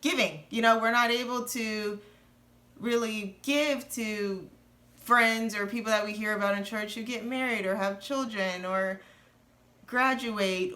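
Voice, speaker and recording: A woman's voice: fairly high pitch, bright, forceful tone. A woman in her thirties talking candidly and earnestly in a casual conversation about money and marriage. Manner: earnest, candid, laughs nervously at times. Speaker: co-host of a personal finance channel.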